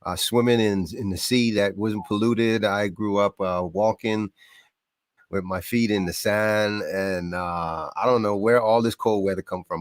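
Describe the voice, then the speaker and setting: Casting: middle-aged man from the Bahamas, lowish voice, dry close sound, lively storyteller. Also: no echo. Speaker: podcast guest. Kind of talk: casual interview storytelling. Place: home in New York.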